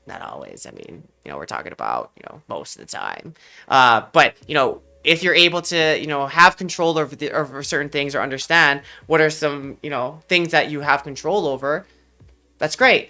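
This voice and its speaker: A man's voice: on the high side, sharp tone. A man streaming live as an esports mental coach, earnest and explanatory, with a slightly sick voice as he talks to his chat. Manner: earnest, explanatory, repeats phrases for emphasis. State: under the weather, slightly sick voice. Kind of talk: livestream talk to chat.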